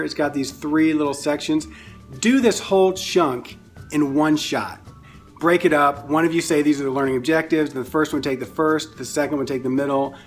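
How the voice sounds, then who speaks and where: A man explaining step by step how to host short overview videos, in a relaxed, friendly way with frequent fillers, over light music. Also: fairly high pitch. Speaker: ministry staff instructor. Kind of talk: casual instructional explanation.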